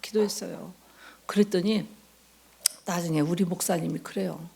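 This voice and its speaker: A middle-aged woman pastor preaching a sermon, telling a story with animated asides and sudden drops to a whisper. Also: on the low side, moderate pace, creaky, slightly rough. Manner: animated storytelling, acting out inner thoughts, dropping to whispers.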